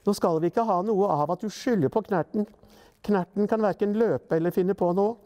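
Man putting on a stern worried mum from a kids book, scolding, voice lifted higher. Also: dark tone, big-room sound, natural voice. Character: anxious stern mother.

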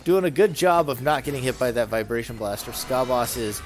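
A man commentating a video game tournament, calling the action play by play with brisk, excited energy. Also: medium pitch, soft background music.

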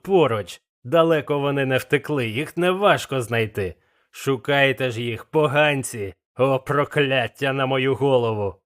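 A man voicing a furious blind old male pirate who shouts curses at his gang in a slow, emphatic way. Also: mid-range voice, lightly acted.

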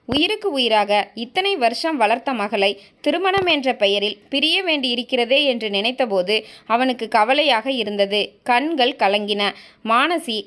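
Woman telling a story, slightly high voice. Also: fairly bright tone. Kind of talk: storybook narration.

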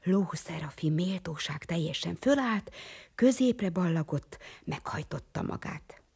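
A woman narrating a children's storybook, often dropping into a breathy half-whisper. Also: fairly low pitch, animated, a little mellow. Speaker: audiobook narrator.

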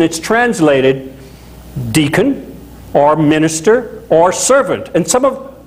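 In a small chapel, a middle-aged man from Louisiana delivers a sermon as pastor, talking animatedly and conversationally and slipping in asides. His pitch sits high, and the audio is rough.

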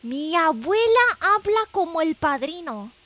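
A woman's voice: very animated, a little slow, fairly bright tone, no room sound. A woman livestreamer with an anime-like voice, chatting casually and playfully with viewers, often exclaiming and repeating herself. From Japan. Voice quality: very high anime-like voice.

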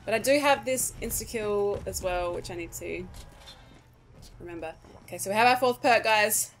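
A woman's voice: medium pitch, moderate pace, a little hiss or hum. A woman giving casual commentary over her own gameplay, nervous, swearing and pleading with the game. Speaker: gaming YouTuber.

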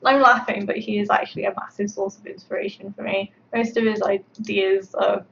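While painting on her livestream, a sculptor chats casually and rambles with lots of fillers. Her voice is medium-pitched, steady, creaky and fairly bright, running a little fast. The stream sounds dull and lo-fi, with faint background noise.

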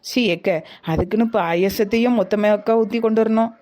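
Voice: mid-range voice, steady tone, a little fast, darkish tone, lightly acted. A voice actor playing a trusting, affectionate village woman in a cartoon comedy. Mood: curious. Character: gullible village woman, one of the sisters.

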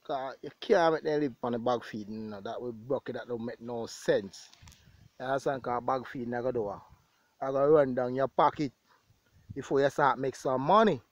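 This medium-pitched man speaks at a moderate pace with no echo at all. He has a Jamaican accent and plays a farmer vlogging outdoors in an open grassy pasture, addressing viewers casually and repeating phrases for emphasis.

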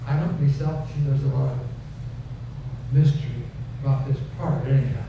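A creaky, medium-pitched voice with fairly even intonation carries this older pastor's moderately paced, conversational sermon, which repeats phrases for emphasis and moves into a prayer. He speaks through a headset mic at a pulpit on a wood-paneled church stage, in audio that is echoey, distant, dull and noisy.

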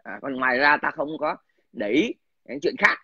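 A man swears his way through a scornful, aggressive rant. His voice sits high and sounds sharp and tense. The recording is dull and lo-fi, with a dry, close sound. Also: sing-song, normal speed, no room sound. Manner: crude, aggressive, swearing, addresses listener scornfully. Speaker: political commentator. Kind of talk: casual profane rant.

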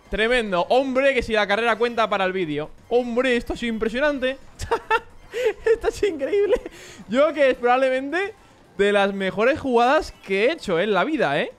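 A young man commentating his own kart race, joking and swinging mumbled asides to loud yelps. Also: very high voice. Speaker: gaming streamer. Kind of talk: excited live gameplay commentary.

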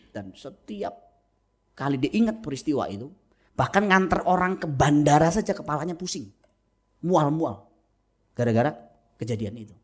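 A middle-aged man, a pastor, preaching a humorous sermon in a church, telling stories with lively acted-out quotes. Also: mid-range voice. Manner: animated storytelling with acted-out quotes. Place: church sanctuary.

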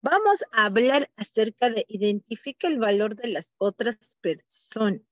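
A woman teacher leads an online class, talking slowly and steadily as she puts questions to her students. The sound is muffled and dry, like video-call audio. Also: a little high, animated, dry recording. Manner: slow, guiding, asks questions.

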